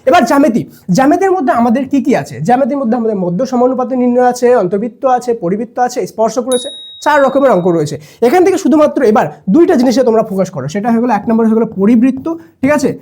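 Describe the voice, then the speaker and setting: Very fast-talking young male math tutor. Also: very high voice, animated, warm tone. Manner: keeps asking "okay?", acts out students' questions. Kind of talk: fast exam-tips lesson to students.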